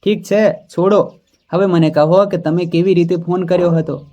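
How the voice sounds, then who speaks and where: A man voicing a stubborn, quick-tempered young wife who speaks sharply and indignantly. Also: sits high, steady tone, dark tone, natural voice.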